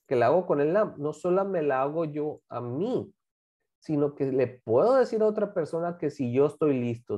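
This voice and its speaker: A woman, an English teacher giving a class to children, repeating example phrases slowly and quizzing her students. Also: sits low, mellow, lo-fi sound. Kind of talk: online class teaching English grammar to kids.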